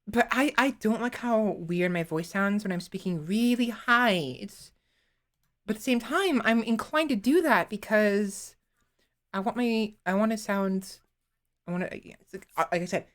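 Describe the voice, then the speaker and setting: With a mid-range voice, a woman streamer chats casually into her desktop microphone during a live stream. She rambles and halts, frequently restarting sentences and making self-deprecating jokes at her own expense.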